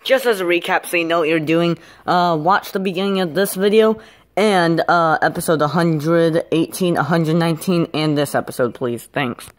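A woman's voice: on the low side, normal speed. A woman casually commenting on her plush toy skit video, rambling and filler-heavy with a giggly manner.

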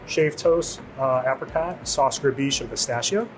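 A man's voice: mid-range voice, moderate pace, a little hiss or hum. A middle-aged man from Illinois, a chef, casually walking through his dishes with many fillers, on a lapel mic in a restaurant kitchen. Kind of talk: interview, describing dishes.

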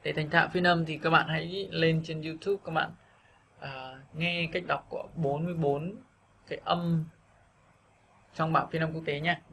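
A man teaching a video lesson on English pronunciation, patiently repeating words slowly for practice. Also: fairly high pitch, fairly even intonation, vocal fry, fairly bright tone, slight background noise.

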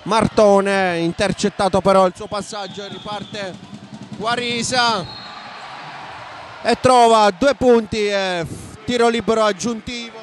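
A man with an Italian accent giving live basketball play-by-play commentary from a sports hall, raising his voice excitedly at big plays. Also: high-pitched, measured pace. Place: indoor basketball arena. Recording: noisy sports hall ambience.

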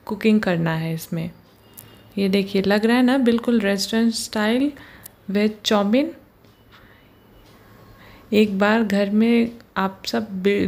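A gravelly, mid-range female voice with a touch of mellowness narrates a recipe in a home kitchen. She hosts a cooking channel and takes her time over each step, patiently highlighting things for the viewer and returning often to the phrase "ye dekhiye."

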